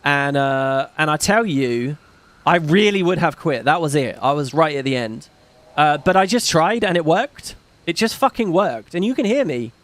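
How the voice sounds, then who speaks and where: With a slight British lilt, a man hosts a casual gaming stream, rambling, self-deprecating and dropping curses between the viewer comments and donations he reads. His voice is animated, a little high for a man and at a moderate pace. It is recorded close and dry, with no room sound.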